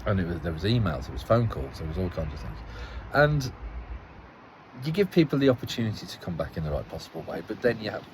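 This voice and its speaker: A man's voice: low voice, big pitch swings, quick pace, slight background noise, rough recording. A man giving a casual spoken account as a local parish councillor, rambling and restarting phrases as he tells the story with some exasperation.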